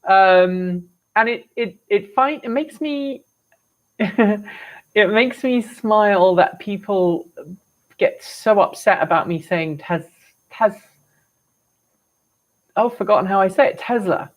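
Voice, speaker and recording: A woman's voice: medium pitch, slow, pauses often. English woman chatting on a live stream, rambly, kinda exasperated, wry. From England. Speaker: host of an electric vehicle show. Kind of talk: casual live-stream chat answering comments.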